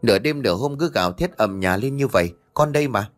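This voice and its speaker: A man voicing a grown son who calmly reassures his mother, in an audiobook story. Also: medium pitch, quick pace, soft background music, natural voice. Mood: patient. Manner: calm, gently explaining. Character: adult son, patient and reassuring.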